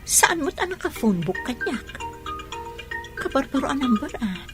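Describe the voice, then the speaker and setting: A woman's voice: sits high, sing-song, moderate pace, over music. A woman playing a young wife who protests her innocence indignantly. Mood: worried. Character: young wife, defensive and wronged.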